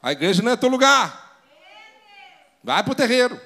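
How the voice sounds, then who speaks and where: A man delivers a sermon as pastor, firing off rhetorical questions at his listeners. His voice sits high for a man and leaps up and down as he dramatizes each point. The tone is theatrical and pressing. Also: very animated, moderate pace, pushed and bright.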